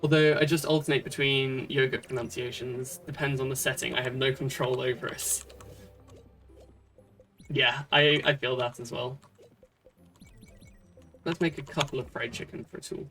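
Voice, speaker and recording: A chatty streamer from Britain talks through a cozy game at a desk mic, thinking aloud with plenty of ums and restarts. The voice sits at an ordinary middle pitch. Faint game music and keyboard taps run behind. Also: fairly even intonation, normal speed, long pauses, fairly bright tone. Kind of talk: casual gameplay commentary.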